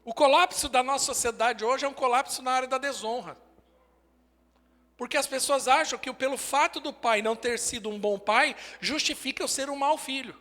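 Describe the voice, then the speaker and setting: High bright-voiced Brazilian pastor preaching. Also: male voice, normal speed. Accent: Brazilian Portuguese. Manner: emphatic, short punchy declarations. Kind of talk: sermon. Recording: long hall reverb.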